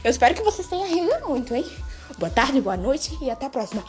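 Woman storyteller, high and animated, chatty to camera; light music bed. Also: quick pace. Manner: animated and chatty, addressing viewers. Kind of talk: casual storytelling to viewers.

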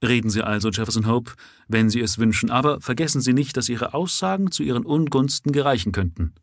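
A man's voice: mid-range voice, animated, fairly quick, dry recording, clean studio sound, pitched above the performer's own voice. A man reading aloud, voicing a pale, mechanical police inspector who speaks formally. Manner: formal, official.

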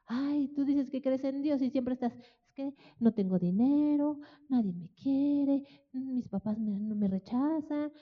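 A woman's voice: sits high, a little slow, few pauses. A woman doing a whiny, self-pitying complainer. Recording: dull, reverberant hall sound.

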